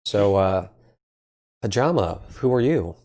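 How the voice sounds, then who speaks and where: Easygoing man hosting a casual podcast, his voice sits a bit low and he jokes around with guests, lots of ums as he steers the chat. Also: lively intonation, slow pace, darkish tone. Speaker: podcast host.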